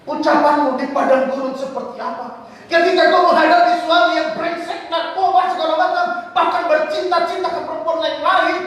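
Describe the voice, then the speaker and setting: Loud high-voiced joking preacher. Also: male voice, normal speed. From Batak, North Sumatra. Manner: loud, animated, joking, shouting. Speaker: pastor. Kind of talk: lively preached sermon. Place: large church hall. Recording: echoey church hall from far off.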